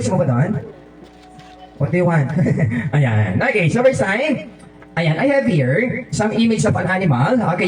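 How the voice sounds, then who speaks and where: A man hosting a children's birthday party as a clown, running guessing games in a playful, teasing way. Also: sits high. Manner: playful and teasing, mixing English and Filipino. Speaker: party host dressed as a clown. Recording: echoey room, mic far off.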